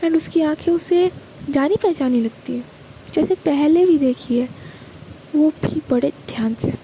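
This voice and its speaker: A woman with a high, mellow voice narrates a romance story at an easy, unhurried pace. She mixes English words into casual Hindi and stops to correct herself now and then. A faint hiss of background noise runs under the recording. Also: poor audio.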